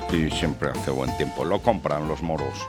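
A man's voice: rumbling low, moderate pace, music in the background. A man from Spain, bantering on a radio show and telling bawdy jokes in a playful storytelling manner. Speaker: co-host and joke teller.

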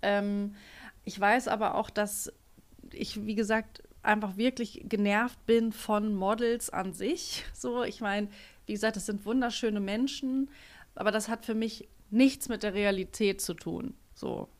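A woman's voice: medium pitch, fairly even intonation, measured pace. Young woman co-host, casual and opinionated, frequent restarts. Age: young adult. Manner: chatty, opinionated, restarts often. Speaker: podcast co-host. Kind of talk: casual chat.

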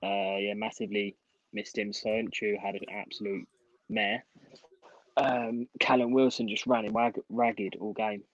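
A man's voice: lowish voice, flat delivery, measured pace, no room sound, muffled recording. A man chatting casually about sport as a podcast panellist.

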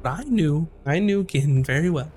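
A man voicing a frail elderly halfling woman, a kindly sensei, in a raised, gentle voice. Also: fairly high pitch, moderate pace, soft background music, lightly acted. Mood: fond.

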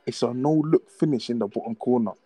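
A man's voice: medium pitch, brisk, breathy edge, dry recording. A young man with a London accent, telling stories and bantering casually in urban street slang as a podcast co-host. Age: young adult. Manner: slangy, animated street talk.

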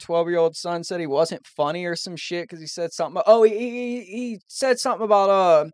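A man's voice: high-pitched, steady tone, a little fast, no room sound, clean studio sound. A man co-hosting a podcast in casual chat, telling crude stories and laughing at his own jokes. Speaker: podcast co-host.

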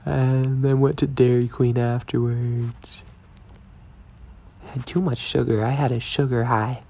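Stoned young guy rambling slow, gravelly and mellow. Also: medium pitch, level tone. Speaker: vlogger. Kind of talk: casual video diary.

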